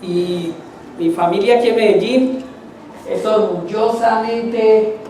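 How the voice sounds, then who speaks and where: A man's voice: high voice, fairly even intonation, slow, mellow. Colombian guy preaching in a church, chatty, keeps asking the crowd questions, mic far off, big echo, bit of room hiss. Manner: conversational, asks the congregation questions. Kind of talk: sermon. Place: church hall. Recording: echoey hall, distant mic.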